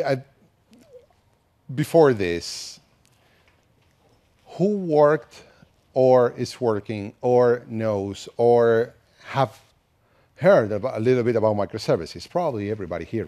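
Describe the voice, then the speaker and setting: In an indoor conference hall, an Argentine man in his thirties gives a relaxed, conversational talk in Argentine-accented Spanish, restarting often. His mid-range voice is unhurried and broken by long pauses.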